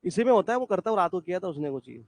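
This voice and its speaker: A man's voice: high voice, big pitch swings, racing, a little mellow. A man teaching an English class live to a room of students and online viewers, talking in a casual, chatty way and checking in with them often. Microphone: classroom mic and speaker, streamed online.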